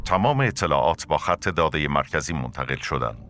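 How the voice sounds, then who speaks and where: Very deep, flat computer assistant. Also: male voice, faint music behind, heavily acted. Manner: flat, formal, machine-like replies. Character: calm male computer assistant in a pod.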